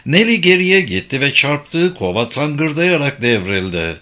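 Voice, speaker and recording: Male audiobook narrator, bright timbre, measured suspenseful read. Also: fairly high pitch, very animated.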